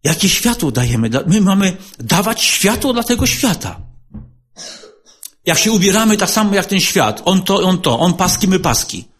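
A man preaching a sermon, earnest and exhorting, repeating rhetorical questions and swinging between loud and soft. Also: high voice, very animated, moderate pace. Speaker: lay preacher.

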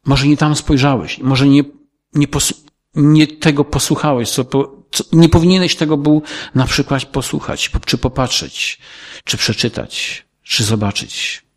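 A man's voice: medium pitch, measured pace. A man preaching a sermon in an earnest, pleading way, often repeating his words.

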